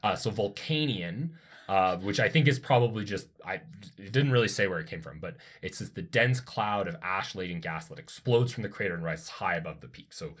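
A man with a very low, deep voice talks through a science topic in relaxed conversation. He explains eagerly and drifts into side thoughts as ideas strike him, like a co-host chatting with a friend. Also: fairly quick, breathy edge. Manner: enthusiastic, digressive explainer. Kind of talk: casual educational chat.

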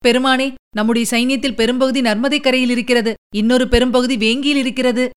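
A woman voicing an anxious male prime minister at a royal court, hesitant and deferential as he addresses his lord. The voice is smooth and clear, a little high. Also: fairly even intonation, a little fast, lightly acted. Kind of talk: audiobook character reading.

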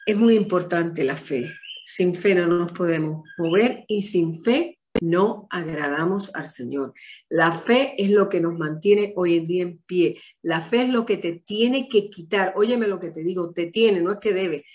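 A woman's voice: fairly low pitch, measured pace. A woman gives a testimony and sermon, telling her story vividly and acting out the dialogue. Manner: animated storytelling, acts out dialogue. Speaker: preacher.

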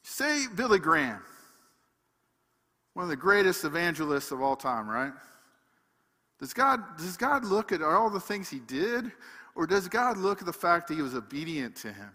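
A man's voice: a little high, very animated, normal speed, long pauses. Emphatic male preacher in a reverberant hall. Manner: emphatic, swings between loud and hushed. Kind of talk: sermon.

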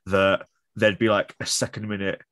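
A man co-hosting a football podcast, chatty and quick to laugh along. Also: fairly low pitch, flat delivery, a bit bright, no echo. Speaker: podcast co-host. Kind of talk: casual football chat.

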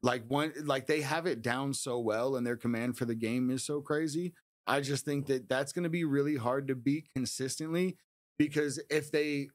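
A man's voice: medium pitch, no room sound. Thoughtful male co-host, dry close mic. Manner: thoughtful, analytical. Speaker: podcast co-host. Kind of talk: casual podcast talk.

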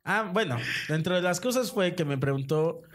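A Mexican man with a fairly high voice tells a story on a casual podcast. He rambles and hesitates, filling his pauses as he goes. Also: animated, faint music behind. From Cuernavaca, Mexico. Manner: rambling, hesitant, with frequent fillers. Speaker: podcast co-host.

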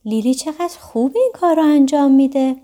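A gentle toy kangaroo from a children's storybook thinks aloud in a soft, musing voice, as a woman narrator puts him on. The tone is mellow and warm, pitched a little high. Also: close to an everyday voice. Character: gentle toy blue kangaroo, quietly thoughtful.

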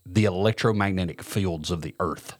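A man with a low voice speaks at a moderate pace in a clean, echo-free, studio-quality recording. He's a podcast co-host in a casual chat, reading a news article aloud and frequently stumbling over names.

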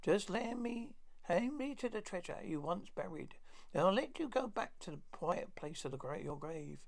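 A man voicing a greedy, reckless young man, demanding and halting, in a dramatic storybook reading. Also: sits high, animated, vocal fry.

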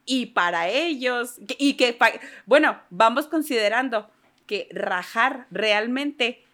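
A Mexican woman in casual chat, talkative and reflective, talking in quick bursts. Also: a little high, lively intonation, fairly bright tone.

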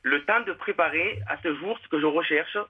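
A man's voice: fairly high pitch, fairly quick, breathy edge. A man in his late twenties with a southern French accent, calling a radio show and earnestly explaining his plans. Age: late 20s. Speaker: caller. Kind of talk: phone call to radio show. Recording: tinny phone line.

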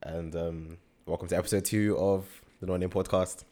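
A man's voice: deep voice, fairly even intonation, normal speed, mellow. A young man with an urban London roadman accent, co-hosting a podcast in casual, slang-filled banter. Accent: London, urban slang-heavy roadman. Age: young adult. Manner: slangy, repeats short agreements. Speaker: podcast co-host.

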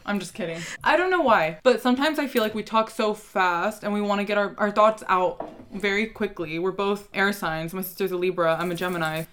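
A woman's voice: medium pitch, brisk, fairly bright tone. A woman with a Valley Girl accent chatting casually as a podcast co-host, peppering her talk with "like" and "literally". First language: bilingual. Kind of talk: casual chat.

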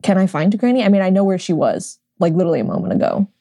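Mellow-voiced woman playing a tabletop game. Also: fairly low pitch, big pitch swings, racing, creaky, dry recording, clean studio sound. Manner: casual, describing her character's actions. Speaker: player.

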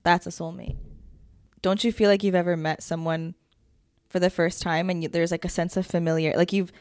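A woman's voice: fairly low pitch, little pitch movement, fairly quick, a little mellow, smooth, dry recording, studio quality. A young woman co-hosting a casual podcast, rambling with lots of fillers and frequent giggles. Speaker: podcast co-host. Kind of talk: casual chat.

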